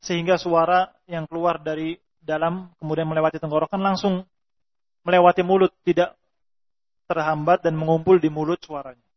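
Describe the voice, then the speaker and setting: A man teaching Quran recitation rules, reading Arabic lines slowly and explaining them, with drawn-out pronunciation examples. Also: fairly high pitch, level tone. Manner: reads Arabic text slowly, then explains in Indonesian. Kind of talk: explaining tajweed rules from a text. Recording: dull lo-fi recording.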